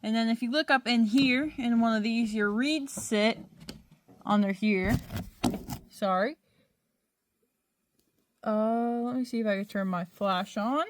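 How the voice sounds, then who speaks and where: A woman's voice: fairly high pitch, a little slow, pauses often, slight background noise. A woman chatting casually as she repairs an old organ, apologizing and explaining while she works one-handed with a phone. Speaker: antique restorer. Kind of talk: casual hands-on repair vlog. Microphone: phone held in one hand.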